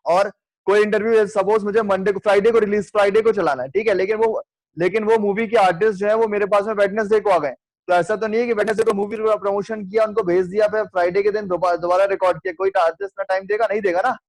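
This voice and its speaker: Fast, high-voiced man lecturing a class. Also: steady tone, no echo, low-quality recording. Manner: explains with hypothetical examples, asks the class questions. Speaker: radio teacher.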